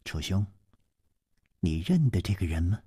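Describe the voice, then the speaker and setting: A man voicing a remorseful young wife who speaks low and sighs. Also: very animated, unhurried, dark tone, slightly rough, no room sound, clean studio sound, full character voice.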